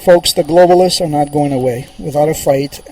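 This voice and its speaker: Guy doing a political radio monologue, kinda high voice, really emphatic, keeps hammering his points. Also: brisk, a little mellow, rough recording. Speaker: radio show host.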